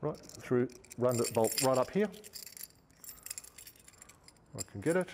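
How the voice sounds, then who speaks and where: A man in his fifties with an Australian accent chats casually while demonstrating outdoor gear hands-on in a large indoor showroom, where he works as a store presenter. His mid-range voice is animated, brisk, and a little mellow. The big hall adds a sense of space, with slight background noise.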